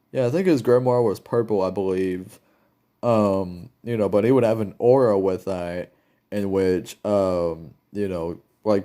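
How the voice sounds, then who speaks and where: Rambling young man, dark mellow voice. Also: fairly low pitch. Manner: rambling, many fillers and restarts. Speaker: YouTuber. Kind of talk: casual solo commentary.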